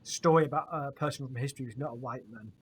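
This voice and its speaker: A man's voice: mid-range voice, quick pace, breathy edge. A tired man co-hosting a casual podcast, yawning and joking after a long day. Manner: joking, laughs often. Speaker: podcast co-host. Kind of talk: casual chat.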